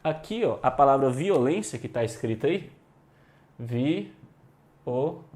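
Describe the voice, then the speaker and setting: A man's voice: medium pitch, animated, a little fast, a little mellow. A Brazilian man teaching an online exam-prep grammar lesson, informal and emphatic, with slang and the odd swear word, drilling points by repeating them.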